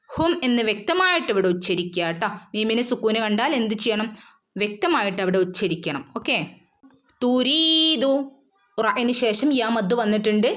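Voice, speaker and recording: A woman teaching Quran recitation, patiently repeating each word and asking and answering her own questions. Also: mid-range voice. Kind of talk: recitation lesson, explaining and modelling verses.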